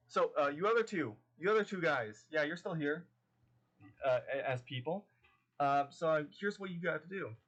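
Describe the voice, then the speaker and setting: A man narrating as game master in a casual, halting way with many fillers. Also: on the high side, lively intonation, a bit bright.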